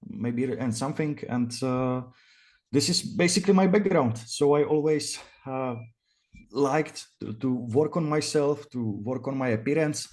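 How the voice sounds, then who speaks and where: Man, twenties, Czech accent, native Czech speaker, hesitant pauses, casual interview answers, mid-range voice. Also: mid-range voice, darkish tone. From Czech Republic. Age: 20s. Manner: hesitant, halting delivery full of pauses. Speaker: interview guest, virtual cam studio owner.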